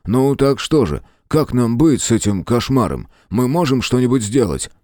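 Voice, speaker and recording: A man's voice: medium pitch, sing-song, moderate pace, darkish tone, no room sound, pitched above the performer's own voice, close to an everyday voice. A blunt, loyal soldier, put on by a male narrator speaks earnestly in a slightly raised voice. The read is dry and close. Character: blunt soldier brother, grown man, loyal.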